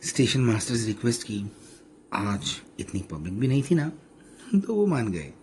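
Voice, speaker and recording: Man playing a calm, patient husband. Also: mid-range voice, moderate pace, slight background noise, lightly acted. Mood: soothing. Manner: soothing, patient. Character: calm, gentle middle-aged husband who soothes his wife.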